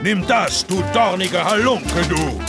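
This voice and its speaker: Gravelly daddy pig, cartoon, hammy and lively, music under it. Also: male voice, sits high, slow, full character voice. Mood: mock-heroic. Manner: hammy, playfully grand. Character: good-natured, mock-heroic daddy pig. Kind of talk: German cartoon dub acting.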